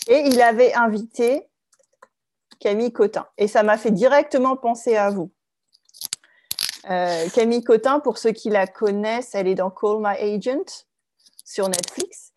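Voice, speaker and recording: A woman teaching French in an online lesson, speaking clearly and slowly, often checking in with her students. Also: fairly high pitch, a little mellow, a little hiss or hum. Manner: clear, slow, checks with "d'accord?".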